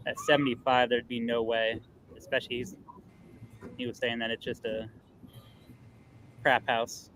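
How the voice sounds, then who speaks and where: A man working a phone sales call, talking quickly through a deal with lots of fillers and reassurances, then chatting it over with colleagues. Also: medium pitch, flat delivery, background noise. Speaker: real estate investor on sales calls. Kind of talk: live-streamed phone sales call and debrief. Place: loud area. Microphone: earbud headset mic.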